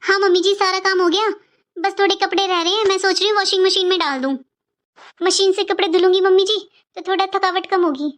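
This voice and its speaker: Voicing a gloomy young pregnant daughter-in-law for an animated cartoon, a woman speaks quickly at an extremely high pitch. She sounds plaintive, self-pitying, and full of complaint.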